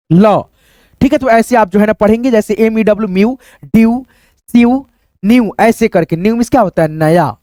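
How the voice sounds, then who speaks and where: This male English teacher has a high, warm voice, recorded clean in a studio with no echo. Teaching phonics online, he spells out words one letter at a time, poses questions and echoes back the answers. He keeps treating viewers like friends, frequently tossing them tag questions.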